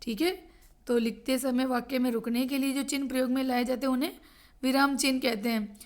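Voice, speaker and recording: Woman teacher, kinda high voice, going slow over a kids' grammar lesson, keeps checking they got it. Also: steady tone. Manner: explains slowly, repeats and checks with "thik hai". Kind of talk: grade-school grammar lesson.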